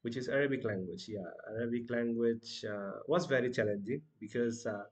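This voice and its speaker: A young Bangladeshi man, a native Bangla speaker with a Bangladeshi accent, gives casual advice in his language-learning vlog. His voice is medium-pitched and a little fast, full of hesitations and "you know" fillers as he corrects himself mid-sentence.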